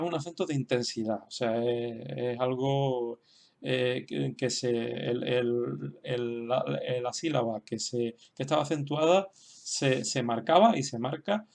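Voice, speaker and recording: A man's voice: medium pitch, vocal fry. A man from explaining a language lesson in an unscripted way, hesitant, with many fillers and restarts. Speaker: teacher.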